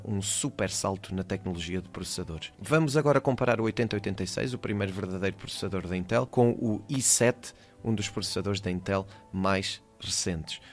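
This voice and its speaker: A man with a European Portuguese accent reads a voice-over for a school project in a somewhat low voice. He explains each term in turn at a steady, measured pace. Faint music sits under his narration. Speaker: teacher.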